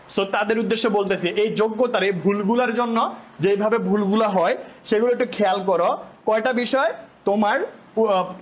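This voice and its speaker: A man's voice: high-pitched, a bit bright. A young man from Bangladesh, speaking as an online tutor, teasing his students and firing questions at them. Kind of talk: live online class lecture.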